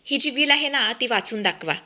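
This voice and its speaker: A woman's voice: a little high, animated, moderate pace, bright, forceful tone. A woman voicing an arrogant, defiant young wife in a family drama retelling, talking haughtily. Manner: haughty, rude.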